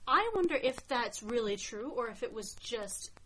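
A woman's voice: fairly high pitch, lively intonation, normal speed, pushed and bright, slight background noise, low-quality recording. A woman co-hosting a casual podcast discussion, enthusiastic and giggly.

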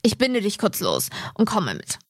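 A woman voicing a gruff adult male captor who threatens a boy and commands his dog. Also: mid-range voice, huge pitch swings, moderate pace, no room sound, clean studio sound. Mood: threatening.

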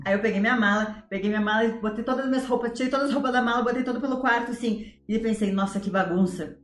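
Fast-talking São Paulo woman telling stories. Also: a little high, echoey room, faint music behind. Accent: Paulistano Brazilian Portuguese. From São Paulo, Brazil. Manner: animated, laughing storyteller. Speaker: podcast guest. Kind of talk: casual interview storytelling.

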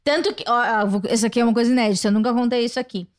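A woman from Brazil hosting a podcast, telling stories in a lively, laughing way in casual chat. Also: fairly high pitch, rapid-fire. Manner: animated, laughing storyteller. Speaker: podcast host.

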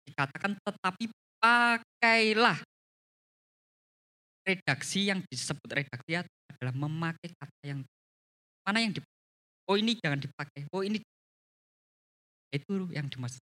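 A man teaching a church leadership class on communication. He is lively and often tags his sentences with a questioning "ya". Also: normal speed, long pauses. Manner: animated, frequent rising pitch, tags sentences with "ya".

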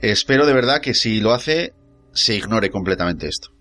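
A man tears into a movie on a casual podcast, his pitch leaping and dropping as he rants. He swears freely and slips into mocking voices to act out the scenes. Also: expressive, moderate pace, sharp tone, soft background music. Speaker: podcast co-host. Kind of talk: casual film debate.

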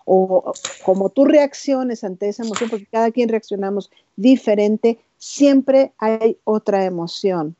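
A woman's voice: mid-range voice, measured pace, mellow, dull audio, slight background noise. A woman hosting an interview, talking with enthusiasm and often adding tag questions. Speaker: host. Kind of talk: casual interview chat.

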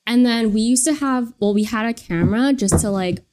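A woman's voice: fairly high pitch, a little fast, a little mellow. Chatty young woman telling a spooky story. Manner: rambling, filler-heavy storytelling with many "like"s. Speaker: podcast co-host. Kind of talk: casual chat, storytelling.

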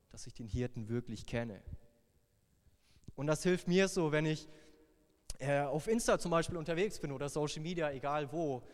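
A young man preaching a sermon, playful and lively, dropping to a hushed voice for tender lines. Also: on the high side. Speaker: youth pastor. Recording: long hall reverb.

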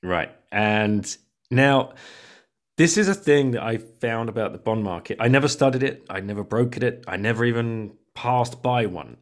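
A man hosting a podcast, chatting casually in a lively, blunt way with some swearing. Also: mid-range voice, moderate pace. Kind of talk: casual chat.

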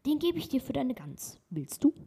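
A woman's voice: sits high, big pitch swings, moderate pace, gravelly, mellow, pitched above the performer's own voice, exaggerated voice. A woman voicing a jolly, carefree male knife grinder in a storybook reading, with a merry, glib manner.

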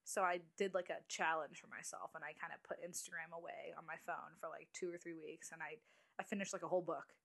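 A woman's voice: sits low, steady tone, gravelly, fairly bright tone. A woman in her late twenties, a guest on a podcast, chatting casually and restarting her sentences often. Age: 20s. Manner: chatty, halting with restarts and little laughs. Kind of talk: casual chat.

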